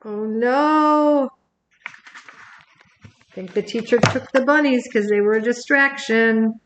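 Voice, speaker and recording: An older woman, a grandmother, reading a picture book aloud on camera and gently talking to her grandchild between pages. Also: fairly high pitch, measured pace, roomy sound, noisy background. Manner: gentle, talks to the child by name between pages. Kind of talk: recorded bedtime story reading.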